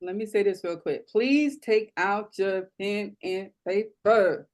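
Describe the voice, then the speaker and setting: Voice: medium pitch, slow. A panel moderator hosting a live event, upbeat and directing the audience.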